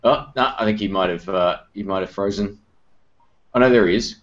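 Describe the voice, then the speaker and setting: Male host, low register, casual chat delivery, slightly muffled lo-fi call sound. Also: a little fast. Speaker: host of a live guitar-pedal video chat. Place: online group video call. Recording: dull, lo-fi online call audio.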